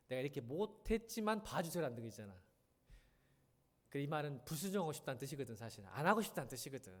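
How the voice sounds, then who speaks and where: Animated man preaching a sermon. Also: fairly high pitch. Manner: animated, questions and addresses the congregation. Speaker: senior pastor. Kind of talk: sermon at a midweek church service. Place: church.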